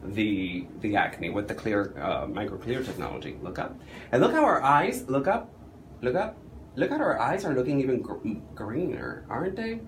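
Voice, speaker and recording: Animated man giving a makeup lesson. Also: medium pitch, moderate pace, a little hiss or hum. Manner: animated, chatty, asks the viewer questions. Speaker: makeup artist. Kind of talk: on-camera makeup demonstration.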